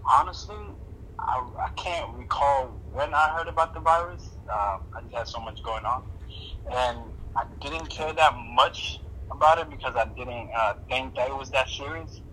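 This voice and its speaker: Young guy from somalia, halting answers full of ums, faint hiss on a phone line. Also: medium pitch, bright, forceful tone. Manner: hesitant, many fillers and restarts. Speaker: interviewee. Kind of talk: casual oral history interview.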